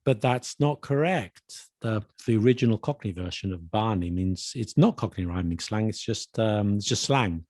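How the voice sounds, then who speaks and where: A man's voice: on the low side, animated, moderate pace, hardly any pauses, darkish tone, no echo. A man co-hosting a casual podcast chat, quizzing his co-host on slang in a playful, dry manner.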